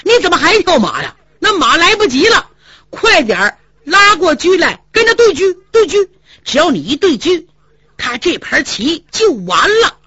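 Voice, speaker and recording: A woman voicing a hot-tempered, brash male warrior who shouts and taunts in a traditional storytelling performance. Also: very high voice, sing-song, normal speed, no room sound, highs cut off, pitched above the performer's own voice, exaggerated voice. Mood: urgent. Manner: loud, blustering, taunting.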